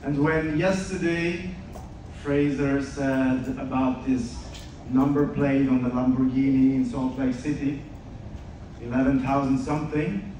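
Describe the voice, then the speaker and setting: In a large event hall, a Swiss podcast host speaking at an event tells his story in an earnest motivational talk. His mid-range voice is warm, unhurried, and shows little pitch movement. The sound is distant and echoey, with background noise.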